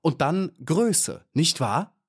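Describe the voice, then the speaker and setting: Man voicing a grandiose beetle poet for a storybook, lively swooping pitch, unhurried. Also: breathy edge, exaggerated voice. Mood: pompous. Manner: grandiose, self-important, theatrical. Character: pompous little male ladybird poet.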